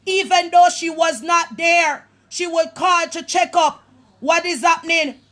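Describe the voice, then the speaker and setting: A woman prophetess giving a fervent personal testimony to an online audience, often raising her voice toward a shout and addressing listeners as people of God. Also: very high voice, steady tone, a little slow. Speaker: prophetess and apostle.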